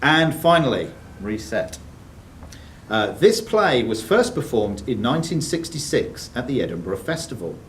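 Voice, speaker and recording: An unhurried, sing-song quizmaster with a mid-range voice reads quiz questions to a sports and social club room. He adds brief banter between the scripted questions. There is faint background noise, picked up by a distant room mic.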